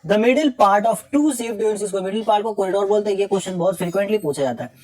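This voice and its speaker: A man's voice: sits high, darkish tone. Joking young male teacher. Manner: reads questions slowly, then jokes and scolds casually. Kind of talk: exam revision lesson.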